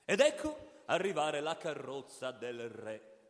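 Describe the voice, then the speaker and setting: A man narrating a fairy tale in an expressive storytelling manner. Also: mid-range voice, slow pace. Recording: long hall reverb.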